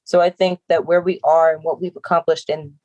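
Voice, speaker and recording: A woman's voice: low-pitched, fairly even intonation, a little fast, warm tone, no echo, dull audio. A young adult woman, a professional wrestler, talking earnestly and reflectively in an interview, often breaking into laughs. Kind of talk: casual interview talk.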